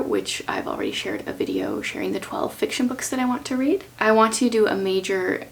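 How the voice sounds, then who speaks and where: A woman talking casually and chattily as a book vlogger, thinking aloud in an informal way with a creaky voice. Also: mid-range voice. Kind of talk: casual chatty talk to camera about reading plans.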